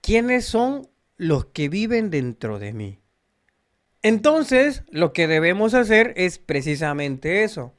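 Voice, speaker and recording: A spiritual teacher, talking slowly and reflectively and posing rhetorical questions. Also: mid-range voice, sing-song.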